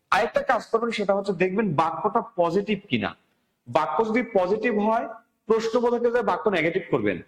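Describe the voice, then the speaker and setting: A man with a Bangladeshi Bengali accent teaches a classroom grammar lesson in a high, animated voice. He walks through each point step by step, repeats the key words, and keeps quizzing his students. The sound rings out with a long reverb, as in a large hall.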